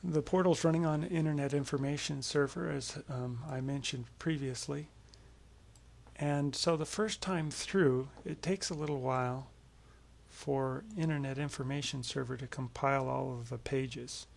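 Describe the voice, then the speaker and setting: This software tutorial is an informal screencast walkthrough led by a man with a creaky, mid-range voice. He talks at a normal speed.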